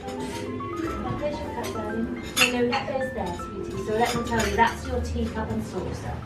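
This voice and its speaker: A woman teaching etiquette to a young group, prim, polite and gently encouraging. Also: fairly high pitch, normal speed. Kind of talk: instructional talk to a young group. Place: echoey indoor tea room with clinking china. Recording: echoey room, distant mic, loud music, clinking dishes.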